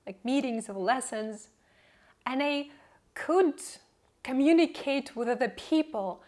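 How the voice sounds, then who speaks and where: A woman whose first language is not English, telling the story of her English learning in an upbeat, reflective vlog. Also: high voice. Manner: reflective, upbeat, laughs between points. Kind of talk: personal vlog narration.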